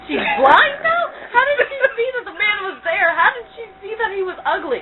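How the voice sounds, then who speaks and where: A woman playing a storytelling card game, chiming in with quick, joking remarks. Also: very high voice, sing-song, a crowd in the background. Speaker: player. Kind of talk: casual game chat. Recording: tinny lo-fi home recording with noise.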